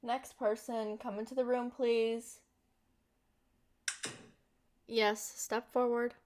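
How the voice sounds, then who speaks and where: In an ASMR roleplay, a woman voices a vampire girlfriend who is centuries old yet looks young, speaking to the listener in a sweet, affectionate, expressive way. Her pitch sits fairly high and her delivery is slow, with a businesslike mood.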